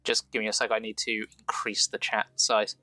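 A man's voice: on the low side, completely flat delivery, moderate pace, pushed and bright, no echo. A man narrating a tabletop role-playing game as game master.

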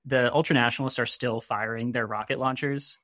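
Dude rambling on a podcast, lots of you know and like, dry sarcastic, dead dry mic. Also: male voice, mid-range voice, steady tone, fairly quick, sharp tone, no room sound. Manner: wry, sarcastic asides. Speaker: podcast co-host discussing a video game. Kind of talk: casual podcast chat.

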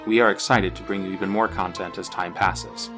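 A man's voice: deep voice, fairly even intonation, fairly quick, music in the background. A man, the show's creator, reading credits and a grateful outro. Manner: friendly, grateful. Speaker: podcast creator.

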